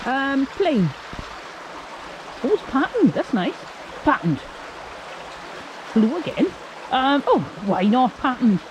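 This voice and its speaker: Speaking slowly with frequent pauses, a woman with a high, very animated voice co-hosts a vlog from beside a woodland stream. She searches the bank while musing with curiosity and asking viewers what they make of it. The background is noisy.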